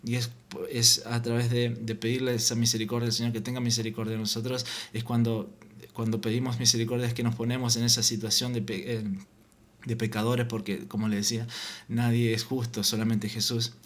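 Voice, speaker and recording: A man giving an informal Bible teaching, reading scripture aloud and often halting and repeating words. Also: medium pitch, level tone. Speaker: preacher.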